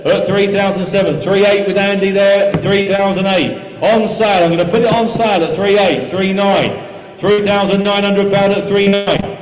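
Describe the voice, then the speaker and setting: A man calling a live auction, chanting and repeating bids and figures as auctioneer. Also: sits high. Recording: echoey hall sound with music behind.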